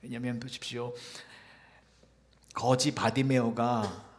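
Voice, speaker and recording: A Korean pastor preaching a Sunday sermon, swinging from hushed, almost whispered lines to loud, fervent cries. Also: male voice, mid-range voice, steady tone, slow. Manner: swings from hushed to shouted cries when quoting scripture. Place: church sanctuary.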